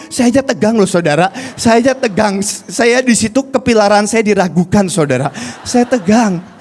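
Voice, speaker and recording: High-pitched gravelly male preacher. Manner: storytelling, addresses listeners as "saudara", swings from hushed to shouting. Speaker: evangelist preacher. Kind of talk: sermon with personal testimony.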